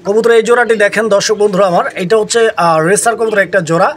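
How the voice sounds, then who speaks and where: Man, rapid-fire delivery, high voice, showing off birds at a farm, talks straight to viewers. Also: a little hiss or hum. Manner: repeats prices, addresses viewers, haggles. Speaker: vlogger touring a pigeon farm. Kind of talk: casual on-site product presentation. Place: outdoor pigeon farm.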